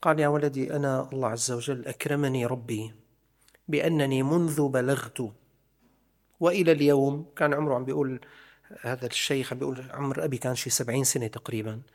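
A man's voice: mid-range voice, fairly even intonation, very fast. A man giving a religious lesson, emphatic and full of repeated rhetorical questions. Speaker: religious teacher.

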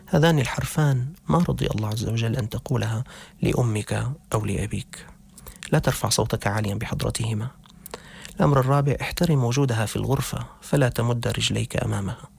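Gravelly preacher man. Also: mid-range voice, fast, darkish tone. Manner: earnest, addresses youth directly. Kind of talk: religious talk.

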